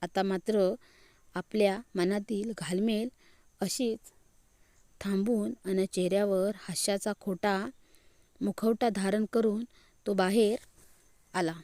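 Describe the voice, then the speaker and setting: Woman reading a dramatic story, slow, warm dark tone, dry close sound. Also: medium pitch, fairly even intonation, no room sound. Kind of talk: scripted audio story narration.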